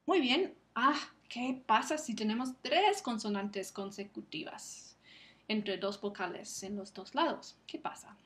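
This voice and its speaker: A woman giving a recorded lecture, explaining syllable division and slowly enunciating example words. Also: fairly high pitch, fairly bright tone. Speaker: Spanish phonetics lecturer.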